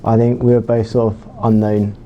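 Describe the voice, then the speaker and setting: A man's voice: on the low side, flat delivery, moderate pace, dull audio. A young man in his late teens answering interview questions in a loose, chatty way. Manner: loose, chatty, many fillers. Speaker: junior rowing crew member.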